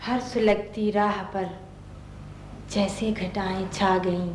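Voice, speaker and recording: An actress voices a woman reciting verse. She speaks slowly and lyrically. The room is echoey, with a faint hum of ambience. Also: mid-range voice, flat delivery, close to an everyday voice. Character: woman reciting poetry in a duet.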